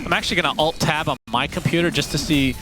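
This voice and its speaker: A man's voice: on the high side, quick pace, over music. A man casting a live esports match, joking and laughing easily with his co-caster. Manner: jokey, laughs often, self-deprecating.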